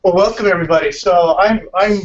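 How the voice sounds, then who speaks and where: A man's voice: high voice, a little fast. A man from California, an attorney, giving a friendly conversational civics lesson to a class. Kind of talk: classroom lecture. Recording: dull, distant mic with faint noise.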